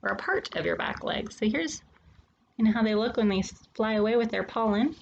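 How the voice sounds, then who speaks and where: A woman reads a children's nonfiction story aloud, speaking directly to young listeners with questions and pauses. Her voice sits on the high side with lively intonation, and the high frequencies are cut off.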